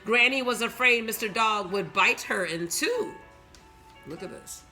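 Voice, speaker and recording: A woman's voice: fairly high pitch, a little slow, bright, forceful tone, faint music behind. A woman reading a picture book aloud, breaking off with chatty asides to her listeners and some advice for teenagers. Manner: gives moral advice to teens. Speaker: storyteller reading to young listeners.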